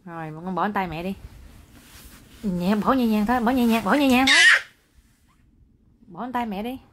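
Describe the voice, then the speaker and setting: A woman's voice: mid-range voice, normal speed. Young mother, casual home video, coaxing and scolding, faint background noise. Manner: coaxing, scolding and exclaiming at a toddler. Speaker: mother filming her child.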